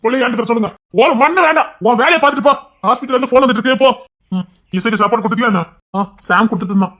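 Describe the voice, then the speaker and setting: A high, bright-voiced young husband, played by a man, snapping out fast, commanding threats. He is quick-tempered and stern, scolding with no patience at all in this audio drama. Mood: angry.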